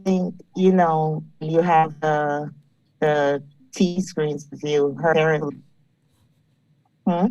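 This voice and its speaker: A woman's voice: low voice, steady tone, takes it slowly, long pauses, recorded from a distance. Woman on a glitching video call. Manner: blunt, outspoken. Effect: breaking-up video call audio, stream dropping out. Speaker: guest. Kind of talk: casual live-stream chat. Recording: dull lo-fi internet call audio.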